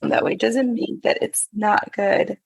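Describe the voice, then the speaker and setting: A woman co-hosting a podcast over a video call whose audio breaks up and freezes, speaking haltingly with restarts. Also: mid-range voice, fairly even intonation, gravelly, dull audio. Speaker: podcast co-host. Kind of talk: casual conversation.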